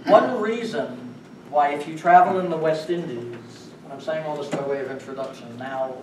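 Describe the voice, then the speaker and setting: A man's voice: fairly high pitch, normal speed, distant mic. A man giving a public lecture to an audience in a room, speaking emphatically and asking the audience rhetorical questions. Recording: echoey room recorded from afar, faint noise.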